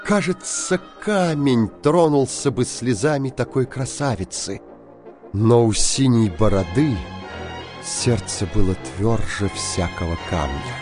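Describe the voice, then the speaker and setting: A man reading a fairy tale aloud with an expressive, dramatic delivery. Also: mid-range voice, takes it slowly, soft background music. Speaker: storyteller.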